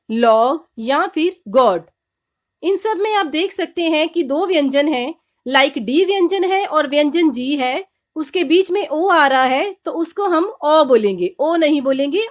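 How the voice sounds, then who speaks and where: A woman teaching English letter pronunciation, slowly and deliberately spelling out letters and listing example words. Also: sits high. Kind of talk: slow instructional explanation.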